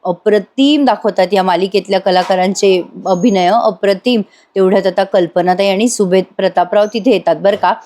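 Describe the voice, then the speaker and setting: A woman reviewer retelling a TV serial episode in voice-over, speaking directly to viewers with lively storytelling. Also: medium pitch, moderate pace.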